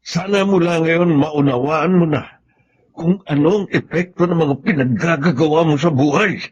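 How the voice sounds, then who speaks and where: A stern middle-aged father scolds firmly in an old radio play. His voice is fairly high and husky. The recording is dull and lo-fi. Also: normal speed, a little mellow. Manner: firm, reproachful.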